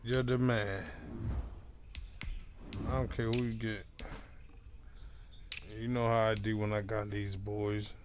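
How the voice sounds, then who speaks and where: A man's voice: on the low side, level tone, slow, long pauses, background noise. A young man streaming a football video game, teasing and mocking his opponent in slangy casual trash talk.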